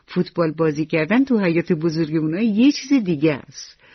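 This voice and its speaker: A woman tells a bedtime story to children and speaks to them tenderly and directly. Her voice is husky and breathy. It is recorded dry and close in a studio and sounds dull and lo-fi, like old radio. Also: low voice, expressive, no echo.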